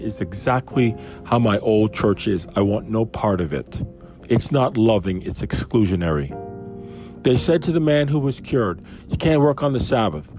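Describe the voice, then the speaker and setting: A man from Canada reads a Bible passage aloud, then talks it over in a loose, chatty way, tossing in asides and questions to his listeners. His voice is mellow and sits at a middle pitch. Soft music plays faintly underneath. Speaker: Bible commentator. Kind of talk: informal Bible reading and commentary.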